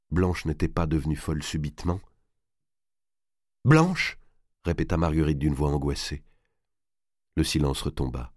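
A man narrating a historical novel in a measured, dramatic reading. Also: low voice, darkish tone, no echo, studio quality.

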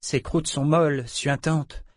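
A man's voice: fairly high pitch, steady tone, slow pace, no room sound, clean studio sound, voice pushed up. A man reading a novel aloud voices an anxious young woman who speaks hesitantly and apologetically. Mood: fearful. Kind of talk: audiobook character voice.

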